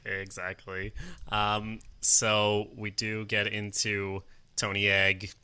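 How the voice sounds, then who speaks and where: A man's voice: on the low side, monotone, slow pace, sharp tone, clean tone. A man co-hosting a podcast, chatting casually about a TV episode, rambling and swearing now and then. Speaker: podcast co-host. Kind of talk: casual TV recap chat.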